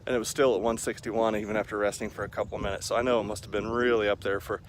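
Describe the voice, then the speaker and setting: Male, 40s, low voice, casual rambling vlogger pacing outside, with ambient noise behind him. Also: level tone, rapid-fire. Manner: rambling, self-deprecating, talking while pacing around. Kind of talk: casual running vlog chat to camera. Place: outdoors in a park by a lake. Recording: clear outdoor ambient noise.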